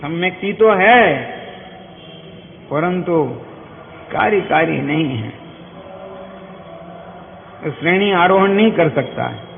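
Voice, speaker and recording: A gravelly, high-voiced man delivers a scripture discourse, constantly asking listeners quick questions and explaining through everyday examples. The sound is tinny and echoey, as in a hall, with faint hiss.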